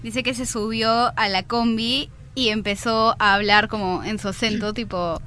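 A woman's voice: mid-range voice, fairly even intonation, moderate pace, sharp tone, soft background music. A young woman with a Peruvian accent chatting casually in a group, telling anecdotes with lots of fillers. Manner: chatty storyteller, many fillers like "tipo" and "o sea".

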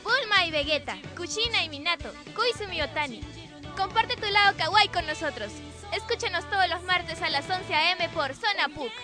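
A woman reading radio promos in a bright, chirpy way. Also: extremely high pitch, lively intonation, moderate pace, loud music behind the voice. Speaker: promo announcer.

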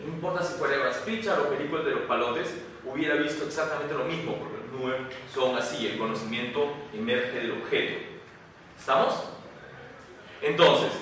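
A man's voice: fairly high pitch, expressive, a little fast, a bit bright, a little hiss or hum. Man lecturing in an echoey classroom. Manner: conversational, rhetorical tag questions. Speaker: university lecturer. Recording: echoey room, distant mic.

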